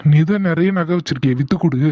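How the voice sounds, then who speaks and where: A man's voice: a little high, quick pace, muffled recording, lightly acted. A man voicing a blunt, money-minded young husband. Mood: impatient. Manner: blunt, impatient.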